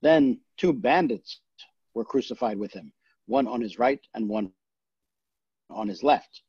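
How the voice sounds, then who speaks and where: A man reads scripture aloud for a worship service, steady and solemn in his pacing. His voice is husky and somewhat breathy, and it sits mid-range in pitch. The sound is dry and a little muffled, with no room ring around it. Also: no room sound. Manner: measured, solemn reading. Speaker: scripture reader.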